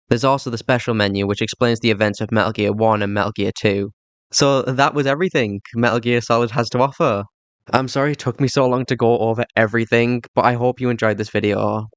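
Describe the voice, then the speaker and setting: Speaking in a clean, mid-range voice, a Yorkshireman with a heavy accent narrates a game retrospective as its host, later thanking viewers casually. The audio comes from a cheap mic, free of room sound.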